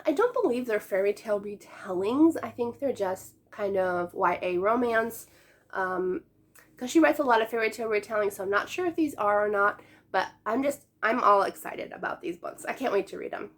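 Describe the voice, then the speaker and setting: Woman, late 20s, book vlogger; fairly high, slightly hoarse voice from a cold; chatty, upbeat. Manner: chatty, upbeat, laughs often. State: sick, voice going. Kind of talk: casual chat to camera.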